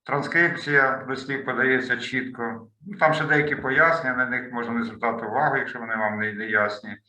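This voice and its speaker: Guy tutor on a video call, really bright sharp voice, echoey room, talks through slides. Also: medium pitch, fairly even intonation, fairly quick. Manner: explanatory, thinks aloud while clicking through slides. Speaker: language tutor. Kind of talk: online lesson walkthrough.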